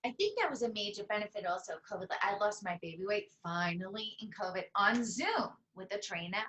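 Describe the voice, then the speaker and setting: A woman's voice: mid-range voice, fairly quick, a bit bright. A woman co-hosting a podcast, chatting casually and bluntly, with some swearing. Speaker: podcast co-host. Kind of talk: casual chat.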